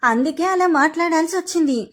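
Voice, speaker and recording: A woman voicing a gentle young wife, talking in a soft, reassuring way. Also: very high voice, a little fast. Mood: pleading.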